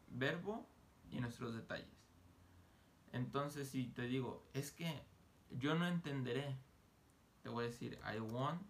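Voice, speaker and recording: A man teaching an online English lesson, explaining grammar casually and slowly sounding out English example phrases. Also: mid-range voice, fairly bright tone, slight background noise. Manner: slow, deliberate modeling of English phrases; casual, joking asides.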